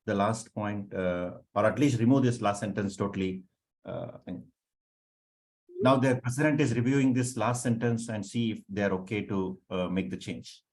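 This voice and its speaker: Guy on a video call, lowish voice, explaining stuff in a halting way, repeats himself. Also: darkish tone. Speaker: working group participant presenting. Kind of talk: informal online meeting explanation.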